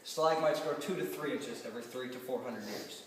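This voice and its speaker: A man's voice: medium pitch, brisk. Echoing, distant male guide in a cave. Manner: casual, joking, quizzing the group. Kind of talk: informal explanatory tour talk. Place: inside an underground limestone cave. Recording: cave echo, long reverb, distant, noisy.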